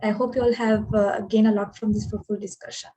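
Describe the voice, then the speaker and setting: A woman from Sri Lanka, giving a polite, measured introduction as a panelist and trainer. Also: medium pitch, little pitch movement, dark tone, a little hiss or hum, rough recording.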